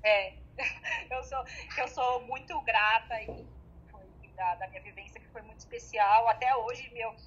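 A woman's voice: on the high side, a bit bright, breathy edge. Woman on a dull, muffled phone line. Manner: chatty, halting with many fillers and laughs. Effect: heard over a phone line. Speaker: guest, medical student. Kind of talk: casual group chat on a call.

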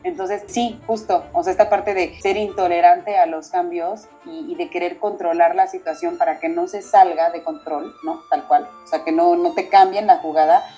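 A Mexican woman in her thirties talks through a family story in a relaxed, mellow voice, slipping into the voices of the people she quotes. The audio is dull and lo-fi, with faint music playing underneath. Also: lowish voice, moderate pace, few pauses. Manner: animated storyteller, acts out quoted dialogue. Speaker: mother discussing parenting. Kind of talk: casual conversational talk.

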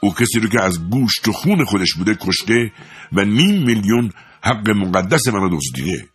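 A man voicing a pompous, fraudulent male high priest who blusters and shouts in a storybook reading. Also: very animated, gravelly, breathy edge, soft background music, exaggerated voice. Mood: furious.

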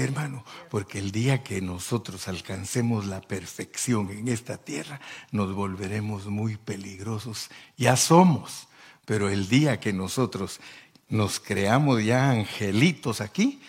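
A man's voice: fairly low pitch, breathy edge. A male preacher giving a sermon, calling the congregation brother and rising to emphatic bursts. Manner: addresses listeners as brother, rises to emphatic bursts.

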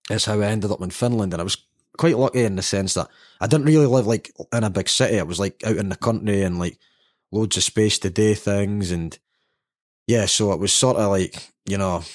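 A man's voice: on the low side, dry recording, studio quality. A man in his thirties with a Dundee Scottish accent, chatting casually as a podcast guest, rambling with lots of fillers and frequent laughs. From Ethiopia. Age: 30s. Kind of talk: casual chat.

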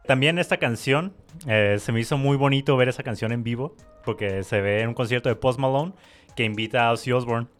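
This is a Mexican-accented man co-hosting a music podcast, telling stories in loose, relaxed slang. His voice sits at a middle pitch, and faint music plays underneath. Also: brisk. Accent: Mexican Spanish. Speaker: podcast co-host. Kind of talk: casual chat.

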